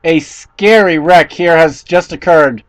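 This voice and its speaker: A man giving excitable play-by-play commentary on a race, his voice jumping high and loud whenever cars tangle. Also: slow, dry recording, poor audio.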